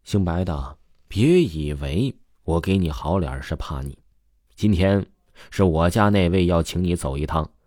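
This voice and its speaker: A man's voice: deep voice, expressive, a little slow, darkish tone, no room sound, studio quality. A man voicing a sly, menacing middle-aged man in a suit, falsely friendly and sneering, in an audio story.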